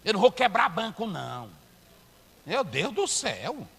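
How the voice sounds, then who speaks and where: A man preaching a sermon as a pastor, breaking into loud shouted climaxes. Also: sits high, sing-song, measured pace, creaky, husky. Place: church hall. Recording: echoey church hall, long reverb.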